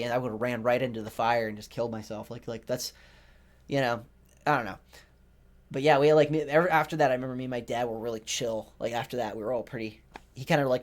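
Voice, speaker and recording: A young man hosting a podcast, telling a rambling, profane story about his family in a casual monologue, full of "like" and restarts. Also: mid-range voice. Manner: rambling, profane, self-interrupting with lots of "like". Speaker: podcast host, rookie stand-up comedian.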